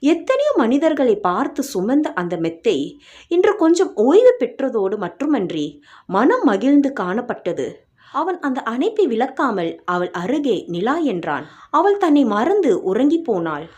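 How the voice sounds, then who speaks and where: A woman narrating an audio story in an expressive, dramatic reading style. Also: sits high, measured pace.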